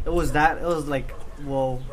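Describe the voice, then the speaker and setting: A man's voice: fairly high pitch, steady tone, moderate pace, a little hiss or hum. A young man telling anecdotes in casual, slangy bro talk. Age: young adult.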